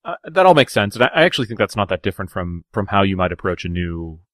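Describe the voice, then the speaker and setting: Podcast host, man, lowish voice, dry close sound, easygoing questions. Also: sing-song, fast talker, a bit bright, no echo. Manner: conversational, questioning, repeats words. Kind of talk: podcast interview.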